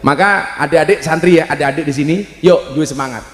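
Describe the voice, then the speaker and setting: A man with a Javanese accent preaching a humorous live sermon, joking and breaking into loud, emphatic shouts. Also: a little high, quick pace. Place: large hall at a live religious gathering. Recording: echoey hall with long reverb.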